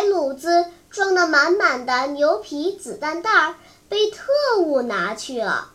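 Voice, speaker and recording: A high-pitched storyteller reads a long storybook aloud. The delivery is slow and careful, and each phrase is given room to land. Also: a bit bright. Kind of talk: storybook reading.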